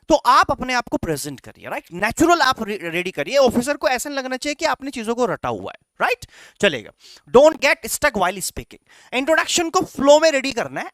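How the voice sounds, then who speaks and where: A man teaching a class of students, with a very animated voice that swings up and down as he makes his points. He drops English phrases into his speech and keeps checking in with the class. The recording is dry, with no room sound. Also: very high voice, no echo. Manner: instructive, repeats "right?" and "चलेगा" to check in; mixes English phrases into Hindi. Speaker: coaching teacher. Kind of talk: classroom lecture.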